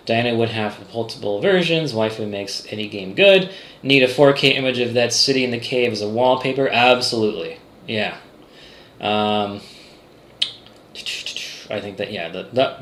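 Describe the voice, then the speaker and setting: A man chats loosely with his viewers while streaming from home, full of fillers and restarts. His voice is bright and forward. The room gives it a noticeable echo. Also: mid-range voice. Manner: rambling, many fillers and restarts. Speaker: game developer streamer. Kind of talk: casual livestream chat reading chat.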